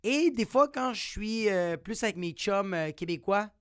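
A man's voice: high-pitched, unhurried, smooth, no room sound, clean studio sound. A young man with a Quebec French accent doing a playful, profanity-laced comic monologue on his podcast. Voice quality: swears a lot, animated and playful. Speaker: podcast host.

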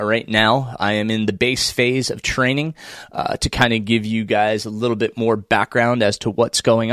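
An American man with a croaky, froggy voice, congested from a cold, talking casually and unhurriedly as he hosts a solo podcast. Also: mid-range voice, fairly bright tone, dry recording, studio quality. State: under the weather, congested. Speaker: podcast host and running coach.

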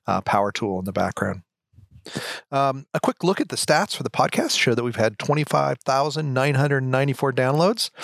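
A man's voice: medium pitch, no echo, studio quality. An American man hosting a podcast in a casual, informal way, calling from his backyard outdoors. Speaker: podcast host.

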